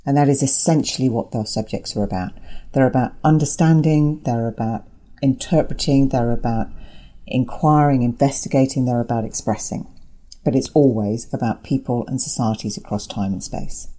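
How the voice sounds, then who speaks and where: A very deep, dark-toned female voice at a normal speed. She appears as an academic guest in an interview, answering with articulate emphasis and reinforcing ideas through repetition.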